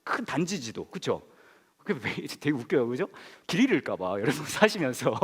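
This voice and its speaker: A man's voice: mid-range voice, normal speed, slightly rough. A male pastor telling a comic story to an audience, acting out the voices of the people in it. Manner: animated, acts out every voice. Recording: long hall reverb.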